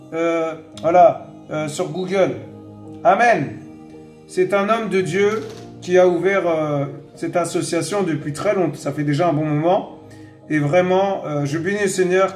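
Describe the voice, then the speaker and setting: A man preaching an informal Bible teaching, exhorting his listeners, repeating phrases and filling pauses. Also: fairly high pitch, a little mellow, roomy sound, soft background music.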